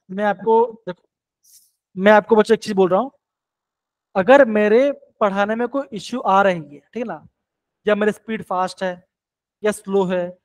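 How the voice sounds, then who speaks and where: A man with a high, light voice teaches chemistry live online, repeatedly returning to his questions and coaxing students to answer. He speaks in a steady, encouraging way, and the recording is rough.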